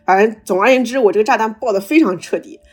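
Podcast host, woman, video call, excitable storyteller with a slight stammer, a bit breathy. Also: a little high, fast, soft background music. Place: travelling abroad, on a video call.

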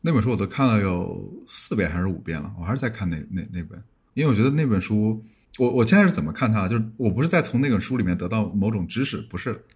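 Male podcast guest, fast and a bit husky, thinks out loud with frequent restarts. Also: lowish voice, lively intonation. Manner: musing, often restarts words. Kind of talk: casual podcast chat.

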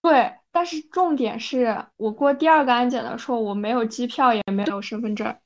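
A woman co-hosting a podcast, telling a story in a casual, animated way and often checking in with her listener. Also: a little high, brisk, lo-fi sound. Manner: animated, frequent "你知道吧" asides. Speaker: podcast co-host.

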